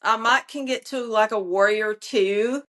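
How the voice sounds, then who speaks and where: A woman co-hosting a casual podcast chat about yoga, talking playfully in drawn-out phrases and laughing often. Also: on the high side, pushed and bright. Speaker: podcast co-host, yoga teacher.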